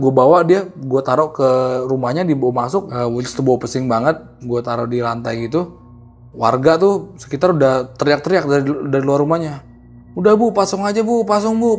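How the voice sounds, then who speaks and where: A young man casually tells a horror story in a lively, slangy way. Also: medium pitch. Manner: animated, acts out the people in his story, slangy. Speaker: guest storyteller.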